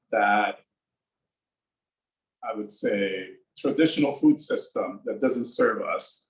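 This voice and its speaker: A man from the Bronx giving an earnest, measured panel introduction as a farm founder. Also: on the low side. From the Bronx, New York. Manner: measured, earnest, with pauses and fillers. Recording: roomy echo.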